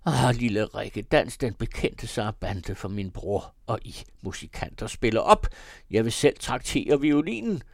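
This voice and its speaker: A male audiobook reader voicing a tipsy, excitable young man, the narrator's elder brother, in loud outbursts. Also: creaky, no echo, studio quality. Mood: excited. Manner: loud, excitable, high-strung. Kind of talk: audiobook character voice.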